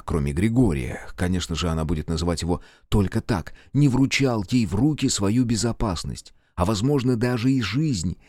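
A man narrating an audiobook in a measured storytelling manner. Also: lowish voice, darkish tone, no room sound, clean studio sound. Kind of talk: scripted narration.

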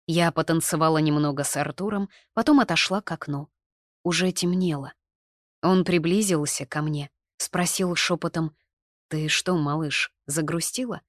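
A woman narrating a story in the first person in a calm, measured way. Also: low voice, no echo, studio quality.

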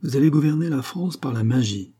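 A man's voice: mid-range voice, animated, brisk, mellow, husky, voice pushed up. A man voicing a haughty, scornful queen with a biting, contemptuous delivery. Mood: mocking.

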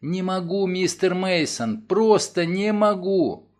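A man's voice: sits high, lively intonation, slow, darkish tone, voice pushed up. A man voicing an anxious young woman who was robbed, speaking in a raised, breathless and pleading way in an audiobook. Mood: agitated.

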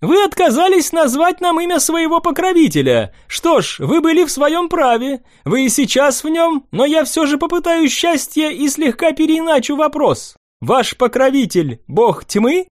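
A sly young prince, put on by a male narrator, presses his questions in a high, lifted voice. He sounds pointed and probing, with lively swings of pitch. The recording is dry and close. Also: moderate pace, few pauses, no echo.

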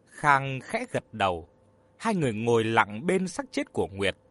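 A man narrating a dramatic story aloud, expressive and voicing each character. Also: medium pitch, normal speed, no room sound.

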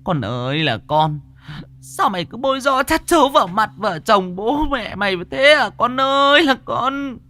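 A man's voice: very high voice, sing-song, moderate pace, sharp tone, pitched above the performer's own voice, heavily acted. A man doing a wailing, scolding village mother. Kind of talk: storytelling.

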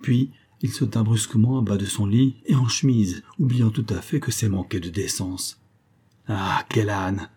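A man reading a classic story aloud as a narrator, in measured, even storytelling. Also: lowish voice, slightly rough. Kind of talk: scripted audiobook narration.

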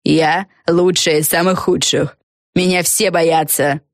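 A woman's voice: low-pitched, fairly even intonation, normal speed, no room sound, clean studio sound, close to an everyday voice. A woman voicing a proud, hot-tempered young witch in an audiobook, hissing and snappish. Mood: snapping. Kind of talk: audiobook character voice.

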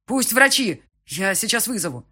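A shrill, frantic young man, put on by a male audiobook narrator, yelling in panic. The voice leaps far above the narrator's own and comes out husky and loud. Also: big pitch swings, moderate pace, full character voice. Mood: panicked yelling. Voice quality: shrill, shouting.

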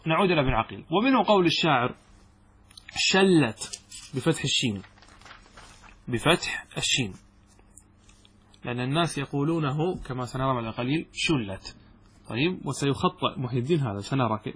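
A man's voice: mid-range voice, a bit bright, breathy edge. A man teaching Arabic grammar in a classroom lecture, explaining step by step and posing questions to his students that he then answers himself.

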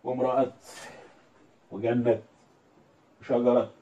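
A man's voice: mid-range voice, level tone, measured pace, narrow, tinny audio. A man with an Egyptian Arabic accent teaching a religious lesson, explaining step by step and quoting verses in a recited tone. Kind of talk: religious lesson on Quran readings and script. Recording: echoey room, voice from a distance.

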